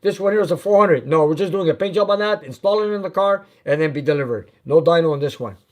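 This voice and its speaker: Host: Canadian man, mechanic, high-pitched, plain-spoken, answers viewer questions in a casual live chat from his shop. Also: expressive, quick pace. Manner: reads viewer comments and answers them plainly. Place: car repair shop.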